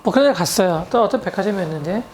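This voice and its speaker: A woman's voice: medium pitch, animated, racing, darkish tone, a little hiss or hum. A woman from Korea, an English tutor, telling chatty anecdotes to viewers and mixing in English words. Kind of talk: storytelling lecture to viewers.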